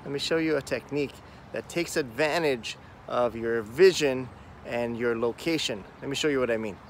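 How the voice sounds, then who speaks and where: A man's voice: medium pitch, normal speed, slight background noise. A man in his thirties hosting a fishing vlog, explaining a technique to the camera outdoors by a wooded creek. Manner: upbeat, explanatory, talking to camera while walking. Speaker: fishing vlogger host. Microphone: phone or camera at arm's length.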